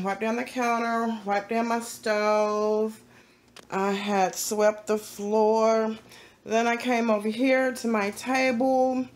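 A woman, chatting casually to her viewers while she cleans her small home kitchen and living room. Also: mid-range voice. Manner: chatty, talks straight to the viewers. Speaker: cleaning vlogger. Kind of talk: casual vlog chat.

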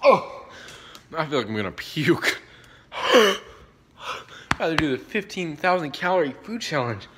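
Young dude groaning cause his mouth burns from spicy food, super animated, noisy phone vlog. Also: fairly high pitch, a little slow, pauses often. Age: teens to young adult. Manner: animated, worked up. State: in pain from spicy heat. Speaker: challenge vlogger. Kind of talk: casual reaction vlog. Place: home kitchen. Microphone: handheld phone at arm's length. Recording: noisy handheld phone recording.

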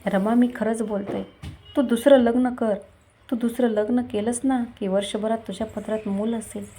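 Woman voicing a gently pleading husband. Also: on the high side, fairly even intonation, normal speed, faint music behind, natural voice. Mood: earnest. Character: worried loving middle-aged husband.

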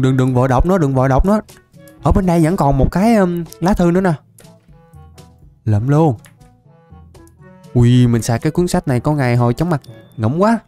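A young man with a fairly high voice talks his way through a game, chatty and quick to laugh. He repeats words in excited bursts, with music playing softly behind him. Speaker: gaming YouTuber. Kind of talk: casual Minecraft let's-play commentary.

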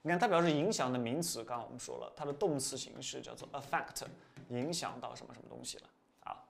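A man teaching vocabulary in a recorded lesson, explaining word roots with lively repetition, often rising for emphasis and letting phrase endings trail off. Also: medium pitch, fast talker, gravelly.

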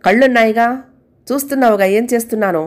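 A woman's voice: fairly high pitch, fast, lightly acted. A woman voicing a tired, irritated housewife who speaks sharply and sarcastically.

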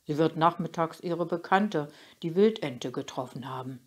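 A woman voicing a gruff, thoughtful old grandfather in a storybook reading, musing and grumbling as he talks. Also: low voice, moderate pace.

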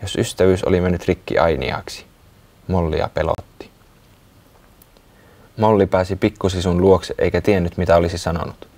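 Deep, gravelly male storyteller. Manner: calm, unhurried reading. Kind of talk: reading a children's story aloud.

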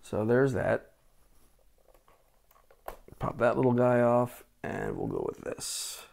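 Seated at a desk in a small room with a lapel mic, this forty-something vintage tech channel host walks viewers through a hands-on restoration. His medium-pitched voice is gravelly and unhurried, and his relaxed, chatty talk is full of "uh" fillers.

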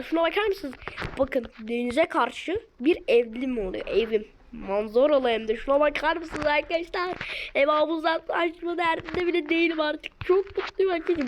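A woman hosting a gaming video, chatting excitedly and addressing her viewers as she plays. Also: high voice, a little hiss or hum. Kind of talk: casual game commentary to viewers. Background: background music.

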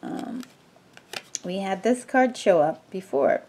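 A woman's voice: mid-range voice, expressive, slow pace, dark tone, a little hiss or hum. A woman giving a casual tarot reading, talking in a rambling way with many fillers and restarts. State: sneezing from allergies. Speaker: tarot reader.

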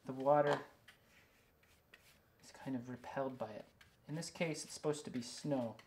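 A medium-pitched, slightly mellow male voice at a moderate pace comes through with a little hiss or hum. The speaker, an illustrator and picture book author, talks to himself while drawing, giving a casual demonstration and show-and-tell. He's indoors in a small studio stocked with books and records.

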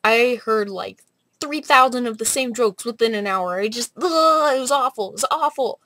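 Young female vlogger, slightly high voice, animated rambling casual delivery, little room sound. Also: normal speed, dry recording. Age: young adult. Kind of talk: casual rambling vlog chat. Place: small bright room at home, indoors.

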